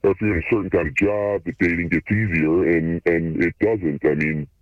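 A man speaking through a voice changer that shifts his voice deep, chatting in a laid-back, hesitant way as an anonymous radio guest. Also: steady tone, a little fast, no room sound. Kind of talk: casual chat. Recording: phone-like line through a voice changer.

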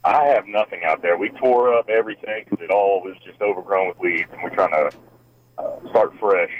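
A man calling in to a radio show over the phone, talking casually and hesitantly with many pauses. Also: sits low. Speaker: radio call-in caller. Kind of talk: casual chat. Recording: dull lo-fi phone line with faint hiss.

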